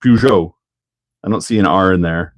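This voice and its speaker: Chatty Canadian man, low and dry. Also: moderate pace, no room sound. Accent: Canadian English. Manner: chatty, laughs often, answers viewer chat. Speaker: host of a live hobby build stream. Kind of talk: casual live-stream chat while building.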